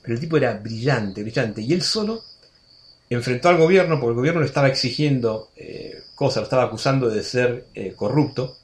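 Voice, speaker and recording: His medium-pitched voice has lively intonation and a fairly quick pace. He's a man in his sixties with an Argentine Spanish accent, a radio guest telling stories chattily in a casual interview, with frequent restarts and asides.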